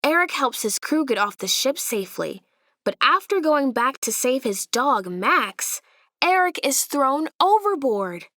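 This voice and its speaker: A storybook narrator reads a children's tale aloud in a fairly high voice with lively, swooping intonation. Taking her time at an unhurried pace, she places dramatic emphasis for young listeners, and the recording is close and dry.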